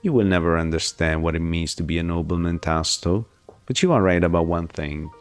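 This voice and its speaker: A man's voice: low voice, a little fast, no room sound, soft background music. A man voicing a bitter, proud young nobleman, the scornful eldest son, with a haughty, cutting delivery. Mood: cold.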